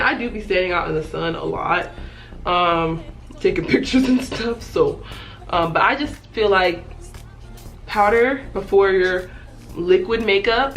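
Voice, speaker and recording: A young woman giving a casual, chatty makeup tutorial in a playful, self-deprecating way. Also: on the low side. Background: music.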